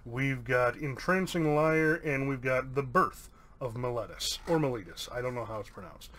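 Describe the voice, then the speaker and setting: A man's voice: medium pitch, normal speed, fairly bright tone. A man hosting a casual pack-opening video, reading out card names in an upbeat, chatty way with an American accent. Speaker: YouTube host opening card packs.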